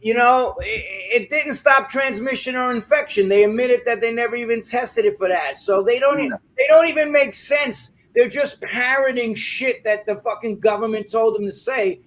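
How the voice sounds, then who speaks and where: A man's voice: extremely high pitch, fairly bright tone. A man speaking as an interview guest, ranting angrily and swearing heavily. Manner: angry, profane, rapid ranting. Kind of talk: heated interview talk.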